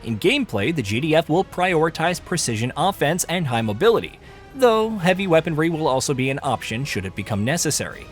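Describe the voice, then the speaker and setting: Lively countdown narrator, higher-voiced man. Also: a little fast, faint music behind. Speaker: video narrator. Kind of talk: scripted top ten countdown narration of a video game.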